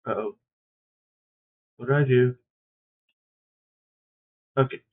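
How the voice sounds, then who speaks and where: Slow-talking man through a tinny tin-can mic. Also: medium pitch, fairly even intonation. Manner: hesitant and musing, with many fillers. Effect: tinny, tin-can-like phone sound. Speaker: streamer commentating a wrestling video game. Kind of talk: casual game commentary.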